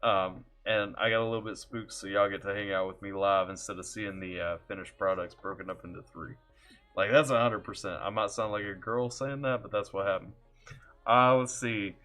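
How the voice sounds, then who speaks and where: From his home computer setup, a music reaction streamer from Kentucky with a Southern accent keeps things laid-back and jokey, reading chat aloud and greeting viewers by name. His fairly low voice is steady, pushed and bright at normal speed, over faint music.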